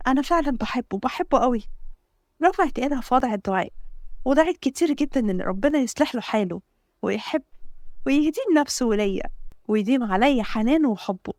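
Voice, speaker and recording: A woman with an Egyptian Arabic accent narrating a story in a brisk, matter-of-fact way. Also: on the high side, animated, darkish tone, no room sound, clean studio sound.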